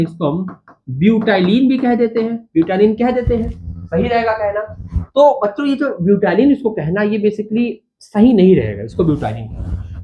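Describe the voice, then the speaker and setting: A man's voice: high voice, darkish tone. A man teaching chemistry in a mix of Hindi and English, calling the students "bachcha" and asking questions he then answers himself. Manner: addresses students as "bachcha" and "babu", asks and answers own questions; counts carbons slowly while writing. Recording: dull lo-fi sound with faint noise.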